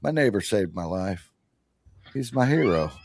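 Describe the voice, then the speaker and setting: A man's voice: fairly low pitch, big pitch swings, measured pace, vocal fry, darkish tone, dry recording. A man hosting a podcast, telling a rambling story in casual chat, interrupting himself and laughing often. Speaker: podcast host.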